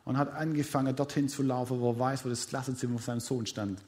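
A man's voice: medium pitch, steady tone, fast talker, a little mellow. A man preaching a sermon, retelling a story dramatically with repeated counting and speaking directly to his congregation.

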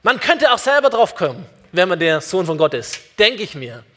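A man's voice: high voice, very animated, moderate pace. A man preaching a sermon, earnest, asking the congregation many direct questions. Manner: addresses listeners directly and warmly. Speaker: pastor.

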